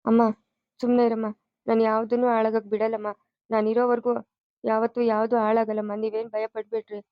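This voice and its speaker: A devoted young foster son, acted by a woman, speaks in a soothing, pleading way. His voice sits fairly high and stays flat in melody. The cartoon track sounds dull and dry. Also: brisk, no room sound, close to an everyday voice. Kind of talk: cartoon voice acting.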